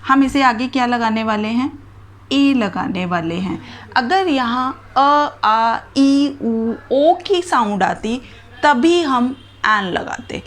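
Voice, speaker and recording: A woman's voice: fairly high pitch, expressive, slow pace. A woman teacher giving a grammar lesson, spelling out letters and examples one at a time.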